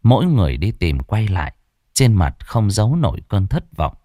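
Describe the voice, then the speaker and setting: A man narrating a ghost story in an expressive storytelling manner. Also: lowish voice, moderate pace, dry recording, clean studio sound.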